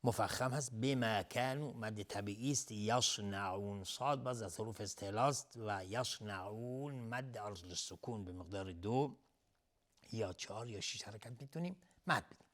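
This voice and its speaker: Guy teaching quran recitation on tv, chants verses slow then explains fast, keeps repeating sounds as a drill. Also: on the low side. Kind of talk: tajweed lesson, explaining and reciting. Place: TV studio.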